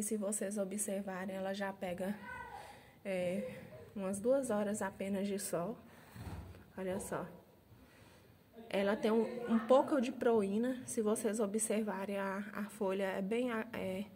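A woman's voice: medium pitch, a little mellow. A woman from the interior of Minas Gerais, Brazil, with a Minas Gerais accent, chatting casually in her home garden and tagging her lines with filler words. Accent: Brazilian Portuguese, Minas Gerais. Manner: chatty, tags lines with "né" and "pessoal". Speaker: gardening vlogger. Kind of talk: casual how-to vlog. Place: home garden, outdoors by a street. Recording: faint street noise. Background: street noise, passing trucks.

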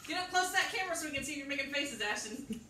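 A woman's voice: high voice, lively intonation, very fast, bright, forceful tone. A woman chatting casually from behind the camera at home, teasing and prompting like a mother filming her child. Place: indoors, home living room and kitchen. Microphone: camera mic, off camera. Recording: echoey room, distant, faint noise.

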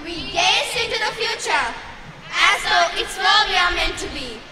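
A group of young women with reciting a poem together in unison as a dramatic choral performance. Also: female voice, extremely high pitch, lively intonation, unhurried, a crowd in the background. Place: large event stage with microphones on stands. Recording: echoey hall stage with loud audience noise.

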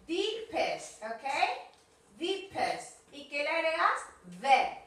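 A woman's voice: high-pitched, sing-song, drawn-out words, fairly bright tone, very echoey, recorded from a distance, a little hiss or hum. A woman with an Argentine Spanish accent teaching an online English lesson, coaxing and prompting her student, repeating words for drills.

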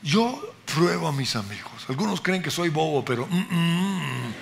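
A man pastor preaching a sermon with emphatic, dramatic pauses and rising exclamations. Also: a little high, big pitch swings, creaky, a little hiss or hum. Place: church.

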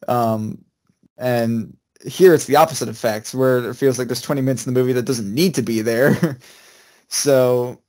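A man in casual chat as co-host, talking in a halting way with frequent restarts. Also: medium pitch, a little mellow.

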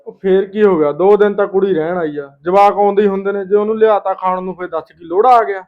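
A man with a Punjabi accent playing a harried husband and caring older brother, talking in a quick, gruff way. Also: high voice, fairly even intonation, narrow, tinny audio, close to an everyday voice. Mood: arguing. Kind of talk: comic family drama acting.

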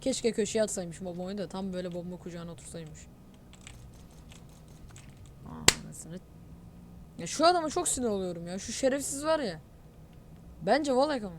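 A woman's voice: mid-range voice, animated, moderate pace, pauses often, background noise. A woman giving live gameplay commentary, talking straight to her viewers and ranting in exasperation about a suspected cheater. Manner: talks to viewers directly. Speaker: gamer, channel host.

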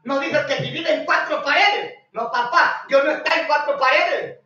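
Shouting Honduran preacher on echoey radio. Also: male voice, extremely high pitch, moderate pace, faint music behind. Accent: Honduran Spanish. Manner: shouting, scolding, mocking. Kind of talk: fiery radio sermon with caller greetings. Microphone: radio studio microphone. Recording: echoey lo-fi radio broadcast from far off.

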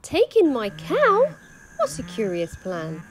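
A woman's voice: huge pitch swings, slow, slight background noise, full character voice. A woman voicing a fussing, flustered little old lady in a children's storybook reading, pleading and exclaiming. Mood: frantic. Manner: exclaiming, pleading, rising to high squeals.

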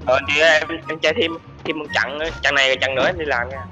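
A man's voice: fairly high pitch, steady tone, fast talker. A man chatting with teammates during a shooter game, often repeating his words. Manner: chatty, keeps repeating himself. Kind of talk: casual gaming banter. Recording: muffled game capture with loud music.

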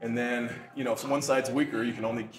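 A man's voice: medium pitch, steady tone, fast, echoey room, over music. Winded man chatting in a gym. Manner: laid-back, coaching between sets, laughs easily. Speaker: host. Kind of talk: casual gym chat.

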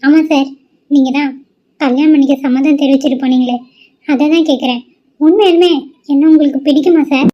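A woman's voice: high voice, steady tone, a little fast, long pauses, mellow, natural voice. A woman voicing an upset young college student in a cartoon, pleading and protesting. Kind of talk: cartoon voice acting. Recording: dull lo-fi audio.

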